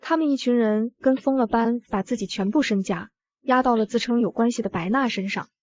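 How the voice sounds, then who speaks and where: A woman tells a drama story in the first person at a steady pace. Her voice sits a little high, and the recording sounds dull and lo-fi. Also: brisk. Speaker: narrator. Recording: dull lo-fi audio.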